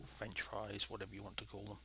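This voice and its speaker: A man's voice: fairly low pitch, monotone, fast, sharp tone, a little hiss or hum, low-quality recording. A man with a stuffy, nasal voice from a head cold, giving casual let's play commentary and thinking aloud as he goes. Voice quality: nasal, congested. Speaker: gaming video host.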